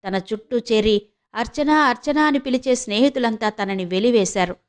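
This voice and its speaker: A woman narrating a novel audiobook in an expressive, measured storytelling manner. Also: on the high side.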